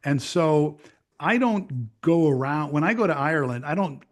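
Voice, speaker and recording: Older American man, halting and repetitive. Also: fairly high pitch, animated. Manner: talks in halting bursts with repeated words and restarts. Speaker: interview guest, veteran news broadcaster. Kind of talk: casual conversational interview.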